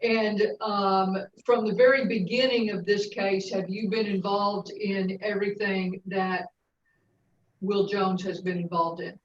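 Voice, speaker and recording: A woman's voice: mid-range voice, level tone. Woman prosecutor in a courtroom recording. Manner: brisk, formal questioning. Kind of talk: courtroom witness questioning. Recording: roomy, distant, dull courtroom recording.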